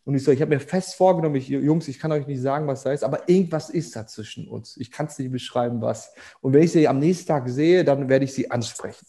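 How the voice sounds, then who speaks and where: Man, podcast guest, mellow voice, chatty storytelling, lots of fillers. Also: mid-range voice, quick pace. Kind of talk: casual storytelling in a podcast conversation.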